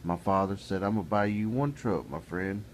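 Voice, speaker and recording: A faint hiss underlies this clip of a middle-aged vlogger ranting straight to the camera. His voice is deep and low, his pace moderate, and his style folksy and plainspoken. As he continues, he becomes heated and exasperated.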